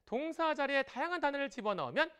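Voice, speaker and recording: Woman, language teacher, broadcast lesson, lively and encouraging, fairly high voice that swings up and down. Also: fast talker. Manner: lively and encouraging, drawing out example tones.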